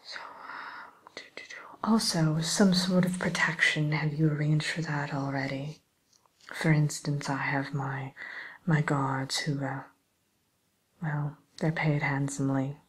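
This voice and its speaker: Casting: woman to play sly, genteel witch tutor for ASMR roleplay; low soft whisper, slow hesitant delivery, vain and politely condescending. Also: flat delivery, poor audio. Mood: sly, advising. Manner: unhurried, hesitant, politely condescending, addresses listener as pupil.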